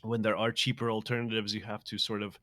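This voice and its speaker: A man doing live play-by-play commentary on a competitive shooter match, reacting quickly to the action. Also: lowish voice, little pitch movement, fairly bright tone. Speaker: esports commentator.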